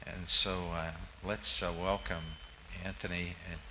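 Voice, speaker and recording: Low bright-voiced pastor. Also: male voice, flat delivery, a little slow, slight background noise, poor audio. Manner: welcoming with hesitant "uh" fillers. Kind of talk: church announcement. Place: church.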